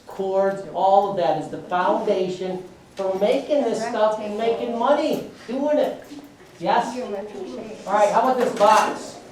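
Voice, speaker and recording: Brisk woman math teacher, quizzing the class, heard from across an echoing room with student chatter. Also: mid-range voice. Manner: brisk, directive, asks frequent check questions. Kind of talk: classroom instruction. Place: large echoey classroom with students. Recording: echoey classroom, distant mic, student chatter.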